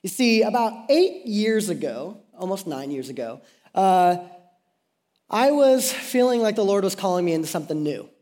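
High-voiced casual young preacher from Ohio. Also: male voice, sing-song, moderate pace, darkish tone, in a large hall. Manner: casual, chatty, self-deprecating, many fillers. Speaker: pastor. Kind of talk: sermon. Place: church stage.

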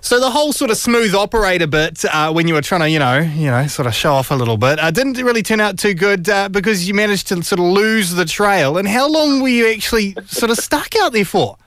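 A man's voice: high-pitched, lively intonation, fairly quick, hardly any pauses, fairly bright tone, dry recording, studio quality. A man with a New Zealand accent co-hosting a radio show in casual, teasing banter. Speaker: radio co-host.

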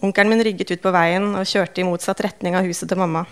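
A woman reading a first-person novel aloud in calm, measured, understated narration. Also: on the low side, clean tone. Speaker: audiobook narrator.

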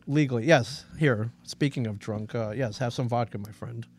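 A man's voice: mid-range voice, moderate pace, a little mellow, a little hiss or hum. A man co-hosting a podcast in casual chat, rambling and joking at his own expense. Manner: rambling, joking, self-deprecating. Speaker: podcast co-host.

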